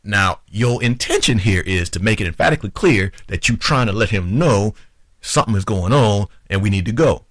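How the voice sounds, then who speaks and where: A man hosting a talk show, giving relationship advice to women in an animated, informal way and acting out both sides of an argument. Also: fairly low pitch, moderate pace, no room sound, clean studio sound. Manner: informal, conversational, addresses the audience directly.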